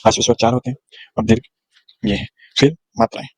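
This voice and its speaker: A man's voice: medium pitch, steady tone, fast talker, rough recording. A male teacher giving a grammar lesson, explaining patiently and sounding out letters one at a time. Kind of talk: classroom lecture on grammar.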